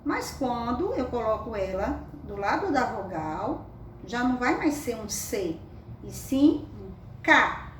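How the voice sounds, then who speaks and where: A woman with a fairly high voice leads a children's reading lesson, spelling words out slowly. She coaxes her pupils with affectionate, sing-song questions. The recording sounds echoey and distant, with faint noise behind her. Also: sing-song. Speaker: teacher.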